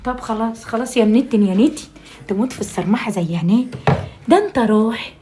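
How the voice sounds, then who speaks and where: A woman's voice: a little high, quick pace, a little hiss or hum. An Egyptian woman playing a mother in a comic family video. She coaxes and scolds her son, swears oaths and piles on endearments. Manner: pleading and scolding by turns, with swearing oaths and loud bursts of exasperation; affectionate endearments, often dropping to a hushed, half-whispered tone.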